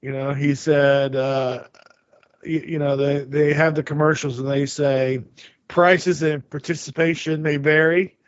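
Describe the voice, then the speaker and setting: A man in his forties chats casually, his voice sitting a little high for a man. He rambles through anecdotes, stumbling over restarts and stammers. The recording sounds dry and dull, with no room at all. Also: fairly even intonation, unhurried, no room sound. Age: 40s. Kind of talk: casual chat.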